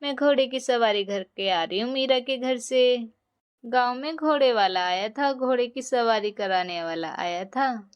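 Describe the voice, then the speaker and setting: A bright, happy little girl in a doll storybook, as a woman puts her on, chattering cheerfully in a fairly high voice. The recording is dull and lo-fi. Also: unhurried, clean tone, lightly acted. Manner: cheerful, thankful.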